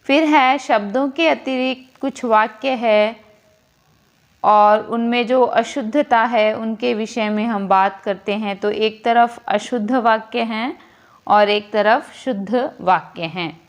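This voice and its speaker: Slow, deliberate woman teacher. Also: fairly high pitch. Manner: slow, deliberate explaining, repeating each word. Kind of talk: Hindi grammar lesson.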